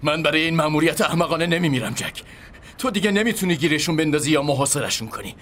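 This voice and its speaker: A man's voice: on the high side, animated, a bit bright, a little hiss or hum. An actor playing a bitter, defiant male soldier in a dubbed war drama. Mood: resentful. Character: fed-up male soldier, angry and scared. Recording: music playing behind the voice.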